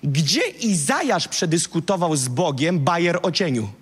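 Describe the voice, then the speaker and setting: Animated man preaching in an echoey hall. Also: a little high, unhurried, slightly rough. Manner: animated, slangy storytelling, acting out Bible dialogue. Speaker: pastor. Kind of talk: lively sermon.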